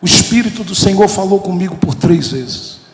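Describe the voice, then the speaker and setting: A man preaching a fervent sermon with a Brazilian Portuguese accent, on a handheld mic, swelling into shouting. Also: sits high, lively intonation, moderate pace. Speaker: pastor. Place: large church hall. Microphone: handheld microphone. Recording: echoey hall with loud music. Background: loud worship music.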